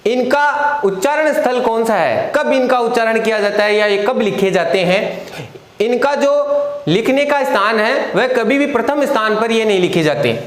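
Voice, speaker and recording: A man's voice: very high voice, animated, moderate pace, echoey room. A man teaching Hindi grammar in an online lesson, explaining step by step and asking and answering his own questions.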